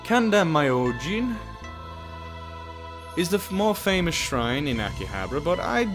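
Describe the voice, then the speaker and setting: A let's player with a fairly high, sing-song voice speaks a little slowly over game music. He reads game text aloud and gives casual commentary on his play, tossing in sweary, jokey asides.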